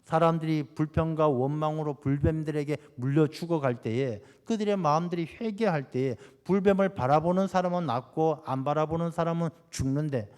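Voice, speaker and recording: A man's voice: fairly high pitch, darkish tone. A man preaching a Sunday sermon as pastor, acting out quoted prayers and dialogue along the way. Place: church sanctuary. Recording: church hall with long reverb.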